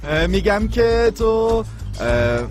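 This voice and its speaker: A man's voice: high voice, big pitch swings, darkish tone. A man dubbing a cheeky, chatty young man in a TV drama. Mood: reassuring. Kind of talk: dubbed TV drama. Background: music.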